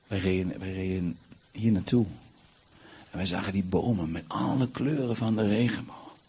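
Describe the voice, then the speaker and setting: A man in his forties preaching a sermon, nearly hoarse, swinging from hushed talk to loud bursts. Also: deep voice, moderate pace. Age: 40s. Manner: animated, swings from hushed to shouting.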